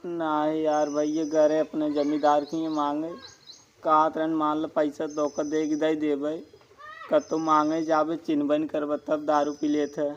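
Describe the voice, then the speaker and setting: A man's voice: a little high, monotone, unhurried, highs cut off, slight background noise, natural voice. A man with an eastern Uttar Pradesh accent playing a town drunk, a whiny, pleading village husband, in an amateur comedy skit.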